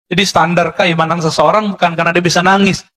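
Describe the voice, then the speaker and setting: A man with a high-pitched voice delivering a sermon with an Indonesian accent. He lectures in a conversational way and keeps turning to his listeners with short tag questions. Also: flat delivery, fast talker, sharp tone. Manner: conversational lecturing, addresses listeners as Pak, frequent "ya" tags. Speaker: Islamic preacher.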